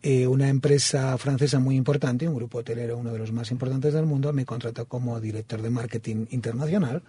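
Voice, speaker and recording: A coaching school president from Madrid, with a Castilian Spanish accent, is a radio interview guest speaking in a studio booth. He talks fast, fluently and evenly in a mid-range, steady, warm voice with a breathy edge.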